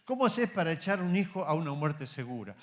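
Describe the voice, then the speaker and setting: An Argentine man preaching in a church, his voice sitting a little high. He calls his listeners brothers and presses them with rhetorical questions. When he quotes God he drops to a soft, slow voice. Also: very animated. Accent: Argentine Spanish. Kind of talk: sermon.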